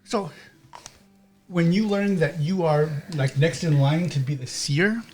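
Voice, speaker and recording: A man's voice: on the high side, unhurried, darkish tone, husky, faint music behind. A man narrating a tabletop game as game master, rambling and checking in with "okay?".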